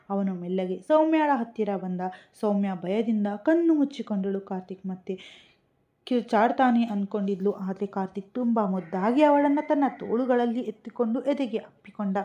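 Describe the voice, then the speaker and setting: Woman narrator, romance audio story, mellow, dull lo-fi sound. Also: medium pitch. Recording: dull lo-fi recording.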